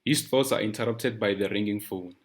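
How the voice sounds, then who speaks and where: A man reading scripted narration for a detective drama series, in a steady, descriptive way. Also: on the low side, brisk.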